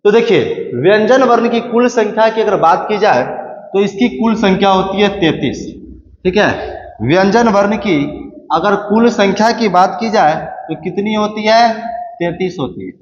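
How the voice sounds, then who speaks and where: A man teaching a class in a high voice, going over each rule again and again and firing questions at the students before he answers them himself. The recording is dull and lo-fi, with a faint hiss underneath. A long, roomy echo hangs on every word. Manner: repeats each point and asks the class questions. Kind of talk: classroom grammar lesson. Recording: echoey room, dull lo-fi sound.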